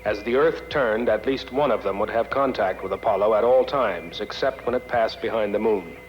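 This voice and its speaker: A man's voice: fairly low pitch, moderate pace, a little hiss or hum. Male documentary narrator, muffled archival sound. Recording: muffled band-limited archival film soundtrack. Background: music.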